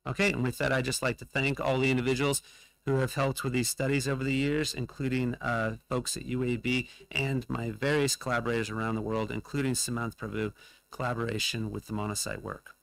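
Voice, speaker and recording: A man presenting a scientific lecture at a conference, measured and pausing often with fillers, his voice going hoarse. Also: mid-range voice, level tone, a bit bright, no echo, low-quality recording. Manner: measured, with frequent fillers and pauses. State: losing his voice. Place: conference hall.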